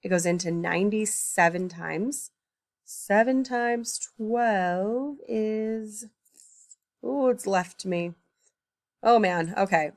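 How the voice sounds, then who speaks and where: A weary woman records an early-morning math lesson, reasoning through problems aloud and catching her own mistakes. Her voice is mid-range and she takes it slowly; there's no echo.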